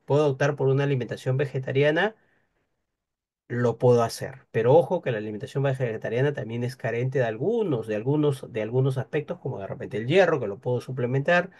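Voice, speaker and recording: A man's voice: medium pitch, lively intonation, a little fast, a little mellow. A man, giving an explanatory talk on nutrition and rest to an audience, teacherly, with frequent rhetorical questions. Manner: didactic, peppered with rhetorical questions. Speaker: invited speaker on nutrition.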